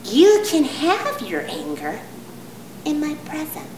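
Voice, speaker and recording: A woman voicing a smug, spiritually righteous hippie woman who speaks slowly and softly with condescending calm. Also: high-pitched, recorded from a distance, pitched above the performer's own voice, exaggerated voice. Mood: patronizing. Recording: echoey room, audience noise.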